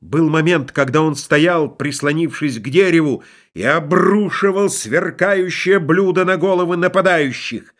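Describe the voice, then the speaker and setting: A man narrating a literary audiobook in an expressive, lively storytelling manner. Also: fairly high pitch, unhurried.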